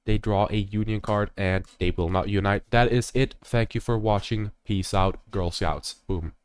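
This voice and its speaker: A man's voice: on the low side, steady tone, moderate pace, clear, resonant tone, dry recording. A young man streaming a strategy game, rambling and jokey in casual commentary, full of fillers.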